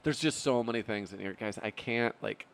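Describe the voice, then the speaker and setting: A man's voice: moderate pace, vocal fry, very noisy. A young man co-hosting a casual pop music chat, playful and prone to breaking into sung bits. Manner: playful, bursts into falsetto singing. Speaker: podcast co-host.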